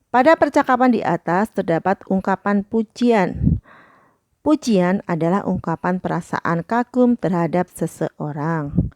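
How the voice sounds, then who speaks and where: A woman's voice: medium pitch, a little mellow, no echo, clean studio sound. A woman teaching primary school, reading a textbook lesson aloud and explaining each answer with many "nah" and "eh" fillers.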